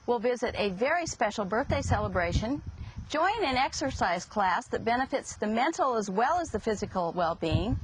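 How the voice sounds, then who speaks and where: A woman's voice: on the high side, slight background noise, rough recording. A woman narrating a community television program in an upbeat, scripted announcing style.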